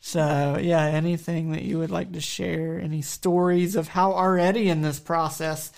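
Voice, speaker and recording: A woman hosting a faith-based radio talk program and asking her guest gentle, searching questions. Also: deep voice, fairly even intonation, moderate pace, vocal fry. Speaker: program host.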